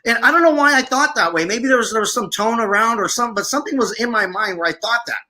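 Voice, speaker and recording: A man from Syria, a guest on a podcast interview, telling stories in an animated way. His voice sits high and sounds bright and forceful, and he acts out what people said. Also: fast. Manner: animated, acts out quoted speech. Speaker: podcast guest, veteran filmmaker. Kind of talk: interview storytelling.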